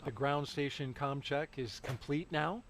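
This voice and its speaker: A man's voice: fairly high pitch, a little slow, a bit bright, slight background noise. A man hosting a live launch broadcast, giving commentary and updates.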